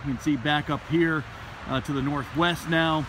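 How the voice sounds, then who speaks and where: An American man, a middle-aged meteorologist, giving casual, halting weather commentary and explaining what he sees as he films on a phone. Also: a little high, steady tone. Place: in a car, then outdoors by a wet roadside. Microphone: handheld phone at arm's length. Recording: noisy phone video with traffic and outdoor noise.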